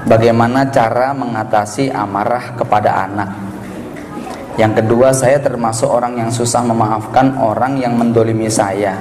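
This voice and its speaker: A man preaching to a live audience, questioning them often, swinging between low asides and high emphatic lines. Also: steady tone, moderate pace. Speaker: Islamic preacher. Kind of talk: lively religious lecture with audience questions. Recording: echoey hall with crowd.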